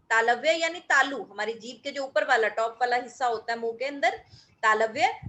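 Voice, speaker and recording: A middle-aged woman teacher explains a recorded grammar lesson to her pupils in a high, clear voice. She is patient and methodical, stretching out sounds when she demonstrates how they are pronounced. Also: bright, forceful tone. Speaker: school teacher.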